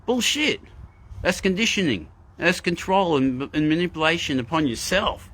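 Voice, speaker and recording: A man's voice: on the high side, animated, moderate pace, a bit bright. A man hosting a live spiritual talk, speaking earnestly and emphatically, often repeating phrases and greeting viewers in the chat. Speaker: spiritual livestream host.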